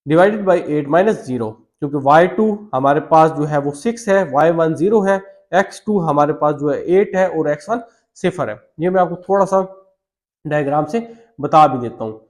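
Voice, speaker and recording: Male maths teacher, Pakistani Urdu accent, slightly high voice, patient, step-by-step explaining, repeats himself. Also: normal speed.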